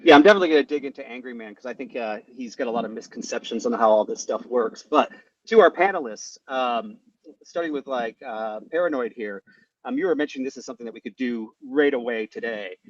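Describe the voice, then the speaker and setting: A man's voice: sing-song, fast talker, no room sound. A man asking long, rambling questions on a casual online panel, through a headset on a weak connection that makes his voice thin and tinny, as if in a tin can. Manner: long rambling questions full of ums and uhs. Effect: thin tinny sound with no bass, like a tin can. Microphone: headset over a weak internet link. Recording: tinny lo-fi online call line.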